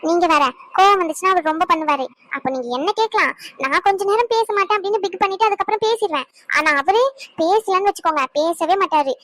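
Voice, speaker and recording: A woman's voice: extremely high pitch, fast talker, fairly bright tone, no echo. A woman voicing an earnest young wife in a cartoon, explaining herself patiently. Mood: confiding. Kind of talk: cartoon voice acting.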